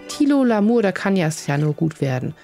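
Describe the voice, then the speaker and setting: A woman's voice: low voice, fairly quick, vocal fry, a little mellow, faint music behind. A woman hosting a casual gaming let's play, chatting along as she plays and cooing fondly at the animals. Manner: coos fondly at her game animals.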